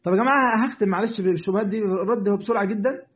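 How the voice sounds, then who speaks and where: Speaking fast in a high voice, an Egyptian Arabic-accented sheikh delivers a lesson on Quran commentary. He talks straight to his audience, goes over his points again, and responds to their questions, all over a tinny, phone-like line.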